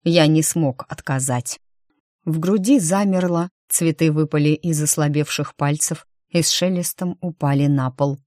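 A woman reading a first-person fantasy novel aloud in a measured storytelling manner. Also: low-pitched, mellow, no room sound, studio quality. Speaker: audiobook narrator. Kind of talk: scripted first-person narration.

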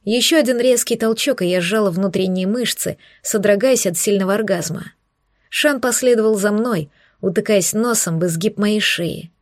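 Soft, intimate woman narrating a romance. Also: medium pitch, normal speed, no room sound, studio quality. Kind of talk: first-person romance audiobook narration.

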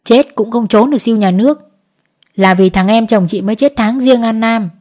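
A woman voicing a male village clerk who explains the tax rules loudly. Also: fairly high pitch, normal speed, natural voice. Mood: lecturing. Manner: loud, lecturing.

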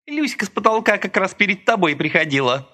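A loud, sardonic working woman in a storybook reading, put on by a man. She talks bluntly and jeers, her voice pushed up high and swinging widely. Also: expressive, brisk, full character voice. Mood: brash mocking.

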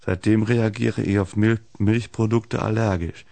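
A man reading the lines of a talkative, sturdy female X-ray nurse in a deep voice. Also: fairly even intonation, unhurried, creaky, dark tone, no room sound. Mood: chatty. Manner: talkative, tops every story.

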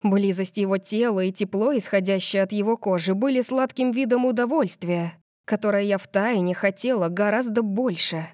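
Casting: female audiobook narrator, first-person story, expressive reads, dry booth sound. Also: medium pitch, normal speed, no room sound.

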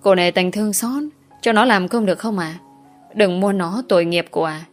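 A woman's voice: medium pitch, a little fast, faint music behind, close to an everyday voice. A woman voicing a poor, desperate older father who pleads hesitantly. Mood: pleading.

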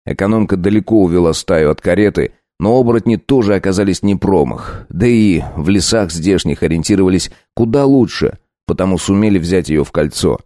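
Man, audiobook narrator, very low voice, dry close sound, measured folksy storytelling. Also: mellow, no echo.

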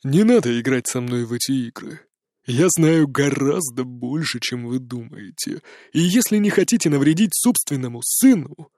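A man's voice: mid-range voice, steady tone, a little mellow, no room sound, clean studio sound, voice pushed down, close to an everyday voice. A man voicing a stern, probing investigator. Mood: menacing. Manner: slow, pressing questions. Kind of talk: audiobook character reading.

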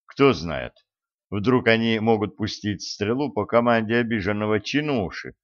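A man reading narration for an adventure audiobook in a steady, measured way. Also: lowish voice, highs cut off. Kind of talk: scripted narration.

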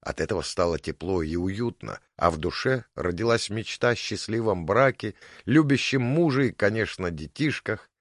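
A man narrating an audiobook, expressive and storytelling. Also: fairly low pitch, normal speed, few pauses, no echo, studio quality. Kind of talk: scripted narration.

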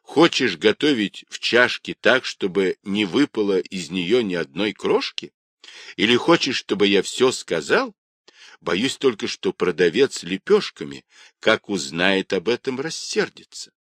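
A man's voice: lowish voice, big pitch swings, unhurried, fairly bright tone, no room sound, clean studio sound, heavily acted. A man voicing a cheeky, poor young boy who hustles for coins, talking brashly and defiantly. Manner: pleading, then brash and defiant.

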